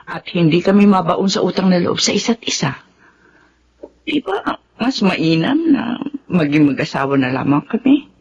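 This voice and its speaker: A woman's voice: mid-range voice, darkish tone, breathy edge, muffled recording. An actress in a Tagalog radio drama playing Remedios, a practical, earnest middle-aged woman who reasons matter-of-factly. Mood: earnest, reasoning.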